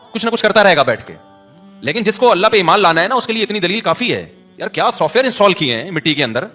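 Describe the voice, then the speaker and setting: A male preacher talks to his listeners in a loose, conversational way, slipping in jokes and stretching out recited Arabic verses. His voice sits a little high for a man. Soft music plays faintly under the talk. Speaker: Islamic scholar giving a talk. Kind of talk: religious talk.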